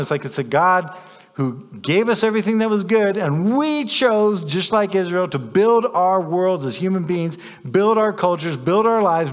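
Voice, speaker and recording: A man's voice: high-pitched, long reverb tail. A man preaching a sermon as a pastor, stressing points by repeating phrases.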